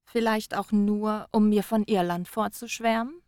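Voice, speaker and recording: A man's voice: high-pitched, steady tone, measured pace, a little mellow, clean tone, no echo, studio quality, voice pushed up. A male audiobook narrator voicing a frank young woman on the phone, speaking in a teasing, wry manner. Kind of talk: audiobook character voice.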